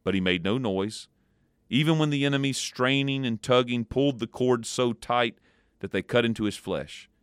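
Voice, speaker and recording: A man hosting a devotional program, reading a story aloud in a measured, expressive way and then adding a short spiritual reflection. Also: medium pitch, clean tone, no echo, studio quality. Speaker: devotional podcast host.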